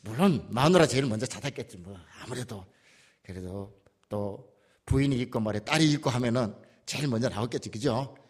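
A male pastor with a Gyeongsang dialect preaches a sermon in a conversational manner, putting questions to the congregation. His mid-range voice is husky, expressive and brisk.

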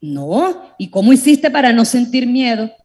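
A woman's voice: on the high side, sing-song, unhurried, darkish tone. Woman doing a nervous man on a plane. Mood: anxious, curious. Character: frightened middle-aged man on a plane.

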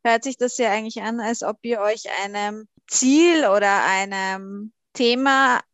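A woman interviewer asking questions in a quick, conversational way. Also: on the high side, a bit bright, no room sound.

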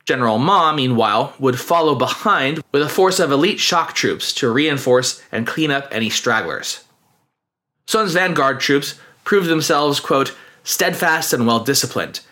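A man hosting a scripted history podcast, telling the story at a quick clip with wry, joking asides. His intonation is animated, with wide swings of pitch, and his tone is bright and forward.

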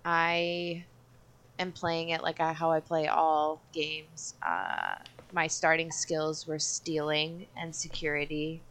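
A woman co-hosting a podcast, relaxed and chatty about the games she plays. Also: sits low. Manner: relaxed and chatty, quick to agree. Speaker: podcast co-host. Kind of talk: casual podcast chat.

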